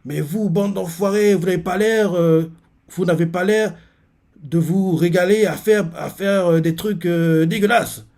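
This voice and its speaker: A man voicing a brash young male warrior captain in a manga, reading his lines aloud with loud indignant outrage and coarse words. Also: on the high side, moderate pace, pitched above the performer's own voice, lightly acted.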